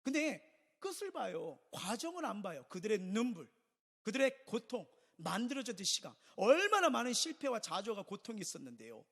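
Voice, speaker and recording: A man's voice: high voice, huge pitch swings, brisk, gravelly, fairly bright tone. A male pastor preaching a Sunday sermon, emphatic, with rhetorical questions and repeated phrases. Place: church sanctuary. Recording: reverberant church hall.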